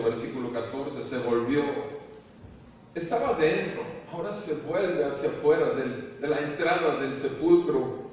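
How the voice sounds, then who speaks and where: A man with a Mexican Spanish accent preaching a sermon as pastor, asking rhetorical questions and dropping at times to a soft, slow voice. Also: on the high side. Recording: echoey hall from far off, faint room noise.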